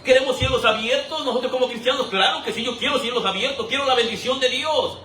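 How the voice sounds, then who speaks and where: Male preacher, high bright voice, lively rhetorical sermon style, mic at a distance in an echoey church. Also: fast talker, a little hiss or hum. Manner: animated, rhetorical questions, acts out quoted voices for humor. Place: church hall. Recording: roomy echo, voice from a distance.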